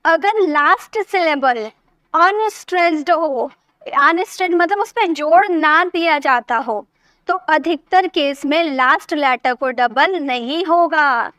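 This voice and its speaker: High-voiced woman teaching English. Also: takes it slowly, pushed and bright, dry recording. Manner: patient, repeats and checks understanding. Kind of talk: spoken English lesson.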